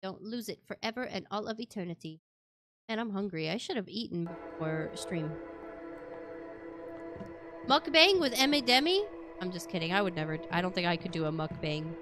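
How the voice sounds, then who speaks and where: A woman's voice: medium pitch, expressive, normal speed. A woman streaming a game in casual chat, playful and rambling, humming and scatting to herself, with a voice she calls witchy. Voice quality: self-described witchy voice. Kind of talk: casual live-stream chat while playing. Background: background music.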